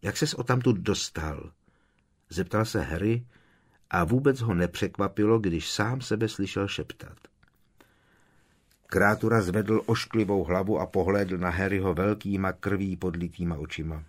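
Low-voiced male audiobook narrator. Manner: measured storytelling. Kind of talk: scripted narration.

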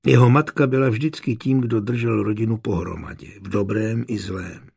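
A man narrating a novel as an audiobook, reading in a measured, steady way with a gravelly, husky voice. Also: on the low side.

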